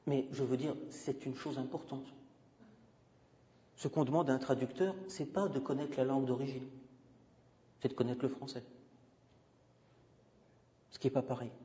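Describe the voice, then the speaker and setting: Mid-pitched and mellow with a slightly rough texture, the man speaks with fairly even intonation at a moderate pace, pausing at length. He's a guest lecturer at a university using a handheld mic, emphatic and digressive, freely conversing with the audience. Dull, lo-fi sound with long hall reverb.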